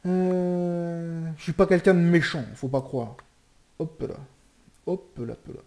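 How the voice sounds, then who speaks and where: A young man commentating a live Minecraft game, joking and swearing, shouting in panic and then muttering to himself. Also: a little high, takes it slowly. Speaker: gaming streamer.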